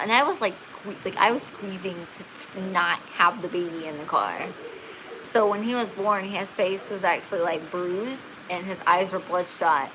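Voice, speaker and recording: A woman tells a story casually, filling her sentences with "like" and laughing along the way. Her voice sits at an ordinary middle pitch. The home recording carries a steady hiss behind her. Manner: chatty, lots of "like" fillers, laughs while telling. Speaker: dog channel host.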